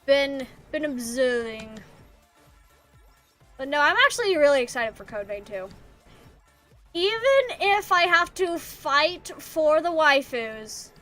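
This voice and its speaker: Giggly, bright-voiced woman streamer. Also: lively intonation, slow, pauses often. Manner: giggly, rambling, talks to her cat in a playful high voice. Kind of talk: casual gameplay streaming chat. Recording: faint background music. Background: soft background music.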